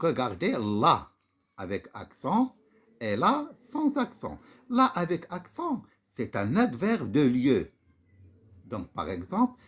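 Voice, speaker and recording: Male French teacher, Moroccan accent, husky, drawn-out delivery with a wildly lively pitch. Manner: slow, repetitive, pointing out each word. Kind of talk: classroom lesson explaining French accents.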